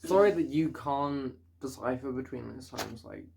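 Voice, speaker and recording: A man's voice: mid-range voice, moderate pace, creaky, darkish tone, a little hiss or hum. A young man in casual storytime chat, ranting in an exasperated, sweary way.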